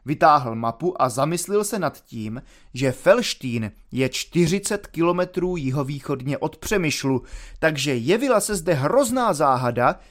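Guy reading a classic novel aloud, calm measured storytelling, slightly high voice. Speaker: audiobook reader. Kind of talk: literary narration.

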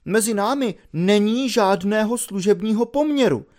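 A man voicing a pedantic, cool-headed young cadet in a storybook reading, lofty and raised in pitch. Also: darkish tone, close to an everyday voice. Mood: lecturing.

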